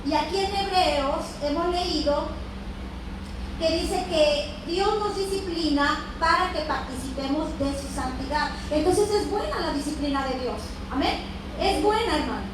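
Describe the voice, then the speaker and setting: Mujer fervorosa de voz aguda y lejana. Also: female voice, sits high, a little slow. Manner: fervent, interjects amens and calls to God. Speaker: Bible teacher. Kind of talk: Bible teaching. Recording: echoey room from far off with noise.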